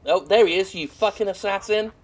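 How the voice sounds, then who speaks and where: A British man with a high, brisk voice rambles casually over gameplay, running himself down and swearing freely as he plays. Faint video game action can be heard behind him.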